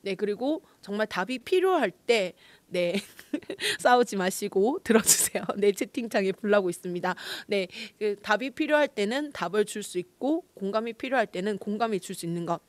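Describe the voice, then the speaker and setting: A woman's voice: medium pitch, animated, moderate pace, no echo. A middle-aged woman, a pastor's wife, giving a chatty online lecture, laughing often and acting out quoted lines.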